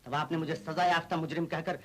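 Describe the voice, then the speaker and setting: A man's voice: a little high, fairly even intonation, fast, a bit bright. An actor playing a resentful young man, once wrongly branded a convict, in a 1950s film scene. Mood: bitter. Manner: resentful, reproachful.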